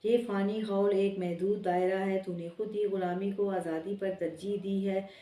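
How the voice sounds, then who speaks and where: A stern female Earth spirit issues warnings in a steady, unhurried voice, as a woman narrator puts her on. The tone stays mellow and low-key rather than bright. It sounds roomy and a little distant from the mic. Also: close to an everyday voice. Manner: commanding, warning.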